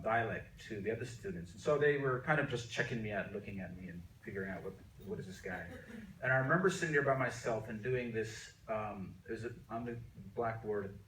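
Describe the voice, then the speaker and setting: A man's voice: fairly low pitch, bright, forceful tone, a little hiss or hum. A middle-aged man who grew up in Jamaica, an artist being interviewed, telling stories of his life in a rambling way with many restarts. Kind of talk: relaxed conversational storytelling. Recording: echoey room, mic at a distance.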